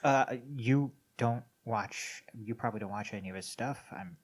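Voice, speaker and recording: A man's voice: on the low side, moderate pace, breathy edge. A man co-hosting a casual podcast, blunt and sarcastic, swearing freely. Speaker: podcast co-host. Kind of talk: casual chat.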